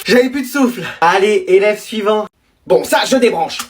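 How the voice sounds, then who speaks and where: A performer in short French comedy sketches, trading quick teasing dialogue among school and family characters. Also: medium pitch, animated, slight background noise.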